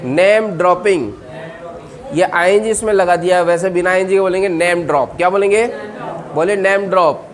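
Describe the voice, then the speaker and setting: A man's voice: high voice, moderate pace. A man teaching English vocabulary, drilling words and having the class repeat them, often checking in with the listeners. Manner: checks with frequent "ठीक है ना". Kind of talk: spoken English lesson.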